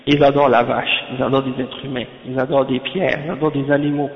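A man teaching a religious lesson who often asks "Hein?" to check on his listeners and recites Arabic passages rapidly. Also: mid-range voice, little pitch movement. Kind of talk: religious lecture explaining a text. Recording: echoey hall, dull lo-fi sound.

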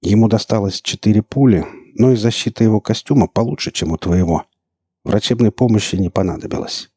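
A man voicing a calm, wise male senator who speaks in a soft, soothing way. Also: on the low side, fairly quick, slightly rough, dry recording.

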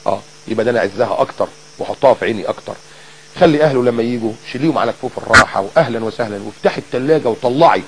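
A man preaching in Egyptian Arabic, lively and full of rhetorical questions and repeated phrases. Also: on the high side, slightly rough, low-quality recording. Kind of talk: colloquial audio sermon.

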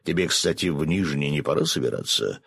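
A man reading an audiobook, voicing a big bald thug who speaks curtly and deadpan. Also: rumbling low, a little fast, creaky, husky, no echo, heavily acted.

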